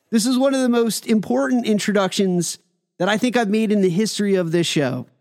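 High-pitched man hosting a podcast. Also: darkish tone. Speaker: podcast host. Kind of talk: upbeat podcast intro and casual chat.

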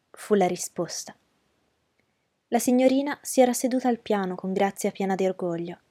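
A woman narrating a novel aloud in a calm, measured way. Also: mid-range voice, no echo, studio quality. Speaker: audiobook narrator. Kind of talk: scripted narration.

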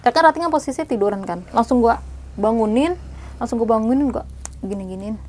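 A young woman casually telling a spooky story in slangy talk, sometimes hushed, sometimes animated. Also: a little high, a little fast.

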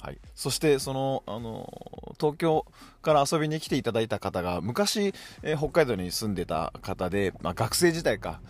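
A podcast host with a Hokkaido accent chats along on his casual solo show, speaking at a moderate pace in a medium-pitched, sing-song voice. He keeps dropping in short "hai" affirmations, and there's a little hiss or hum in the recording.

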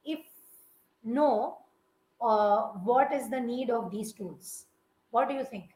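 Woman host, high voice, emphatic and opinionated, echoey room. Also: slow, warm tone. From India. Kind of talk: casual live-stream chat.

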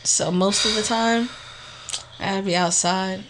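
A woman with a medium-pitched voice speaks slowly over a noisy background. She's a podcast co-host in casual chat, an animated storyteller who rambles through her tales and laughs often.

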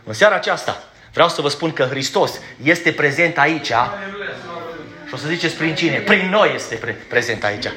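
A man preaching a sermon in a church, emphatic and blunt, asking his congregation direct questions and sometimes stumbling over his words as he rushes. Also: fairly high pitch, lively intonation, a crowd in the background. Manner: stumbles when rushing.

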